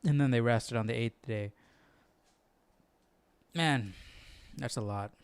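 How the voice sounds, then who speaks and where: A man hosts a Bible study livestream, chatting casually and musing aloud in an informal way, often repeating himself. His medium-pitched voice is slow, clear and resonant, recorded dry.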